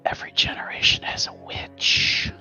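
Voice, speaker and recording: A man voicing an old great-grandmother witch's ghost in a frail, breathy, eerie whisper, as whispered role-play at a tabletop game. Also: moderate pace, pushed and bright, poor audio. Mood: ominous. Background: music.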